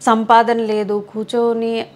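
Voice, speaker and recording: A woman's voice: a little high, monotone, measured pace. A woman with a Visakhapatnam Telugu accent, speaking candidly in an interview and acting out what others said. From Andhra Pradesh. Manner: emphatic, acts out quoted dialogue.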